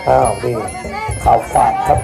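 A man giving excited live Muay Thai commentary and announcements in short, exclamatory calls. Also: moderate pace. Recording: loud music and crowd, outdoor event.

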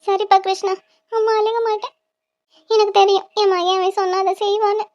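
A voice actor playing a loving, tearful mother in a cartoon, speaking softly to her son. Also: extremely high pitch, little pitch movement, a little fast. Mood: tender.

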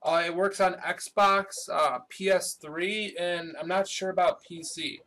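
A young man with a high, light voice talks loosely over his gameplay, swearing freely and breaking into excited outbursts. His pace is unhurried, and the sound comes through a webcam microphone rather than a proper mic. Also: a little hiss or hum. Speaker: gaming channel host. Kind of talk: casual gameplay commentary.

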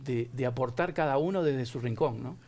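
A man's voice: medium pitch, normal speed, darkish tone. A middle-aged man, a guest on a TV studio talk show, rambling with many fillers and restarts. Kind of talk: casual interview answers. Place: TV studio set.

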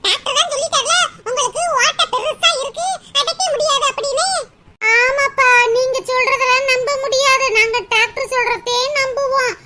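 A performer voicing nosy, tactless village women in a cartoon, talking in loud, bossy, teasing banter. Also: extremely high pitch, steady tone, normal speed, heavily acted. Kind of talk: cartoon comedy voice acting. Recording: loud background noise.

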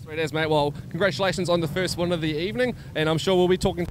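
A man's voice: high-pitched, racing. A man with a broad New Zealand accent interviewing as a pit reporter at a speedway. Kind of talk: trackside interview. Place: outdoors in speedway pits. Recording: noisy outdoor speedway, engines behind.

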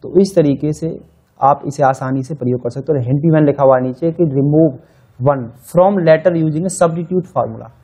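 A man's voice: fairly high pitch, moderate pace, mellow, breathy edge. A man teaching a spreadsheet tutorial in a casual, chatty way, talking through each step as he types and correcting himself as he goes. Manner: casual, conversational, thinking aloud while typing. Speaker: Excel instructor. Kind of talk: screen-share tutorial.

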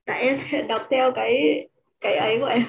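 A young woman student reading a text aloud in class, halting and restarting often. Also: a little high, fairly even intonation, creaky, muffled recording. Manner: halting, with many fillers and restarts.

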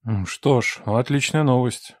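A woman's voice: very deep voice, measured pace, no echo, clean studio sound, voice pushed down. Woman voicing a curt, cold ex-lover man. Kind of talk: audiobook character voice.

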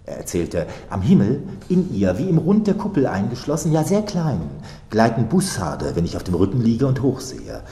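Man giving an expressive literary reading in an echoing hall. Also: medium pitch. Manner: expressive, deliberate phrasing. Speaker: author reading his own fiction. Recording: roomy live hall reading.

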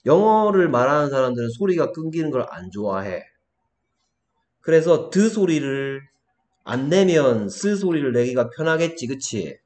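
A man's voice: a little high, big pitch swings, normal speed, a little mellow, roomy sound. A man tutoring English, checking often that his pupil follows. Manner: coaxing teacher, many check questions. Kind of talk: one-on-one English lesson in Korean.

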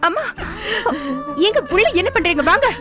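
An actress playing an anxious young woman in a television serial, pleading with a crying mother to calm down. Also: very high voice, moderate pace. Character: young woman, anxious caring daughter figure. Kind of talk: TV serial acting. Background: music score.

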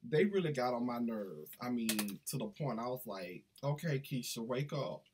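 Middle-aged man, husky-voiced book vlogger, eager and rambling, webcam in a small room. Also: mid-range voice, expressive, normal speed. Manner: enthusiastic, chatty, digressive. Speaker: book reviewer. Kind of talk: casual book review vlog. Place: small indoor room with banners.

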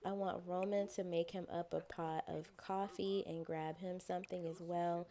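A woman's voice: on the low side, little pitch movement, moderate pace, warm tone. Chatty woman narrating a life-sim game. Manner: chatty and playful, voicing her characters' thoughts. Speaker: gameplay narrator. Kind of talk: casual let's-play commentary.

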